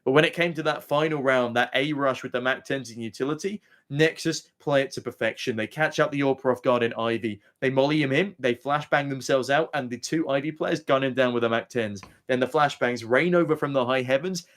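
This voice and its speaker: A man's voice: medium pitch, brisk, few pauses, fairly bright tone. Wordy male esports analyst on commentary.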